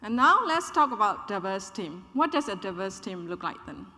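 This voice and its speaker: A woman in her thirties, originally from Burma, delivers a prepared conference presentation at a measured, clear pace. Her voice is bright and forward. The sound carries the long reverb of a large hall. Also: medium pitch, very animated. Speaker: conference speaker.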